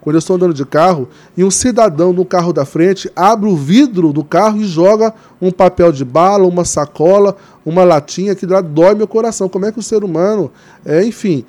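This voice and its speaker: A man's voice: high voice, a little fast, darkish tone. A man giving interview answers as a guest, earnest and hesitant with many fillers, growing impassioned as he speaks. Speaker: interview guest, Green Party member organizing a river cleanup.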